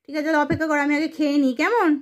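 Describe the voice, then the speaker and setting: A young woman, a mother chatting casually with her small child and coaxing him along with many gentle questions. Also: high voice, steady tone, racing.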